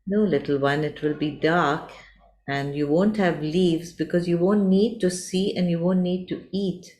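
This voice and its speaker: A woman voicing a kind, wise butterfly in a storybook tale, speaking in a gentle, soothing, patient way. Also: lowish voice, measured pace, close to an everyday voice.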